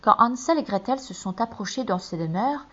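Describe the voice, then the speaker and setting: A woman reading a fairy tale aloud with expressive storytelling. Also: fairly high pitch, moderate pace. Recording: muffled, dull recording.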